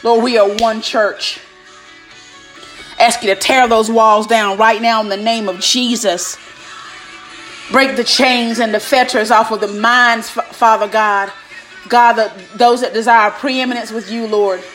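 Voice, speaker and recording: A woman's voice: fairly high pitch, steady tone, a little slow, a bit bright. A woman praying aloud like a preacher, fervent and commanding, punctuating her phrases with repeated invocations of God. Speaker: preacher leading prayer. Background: music.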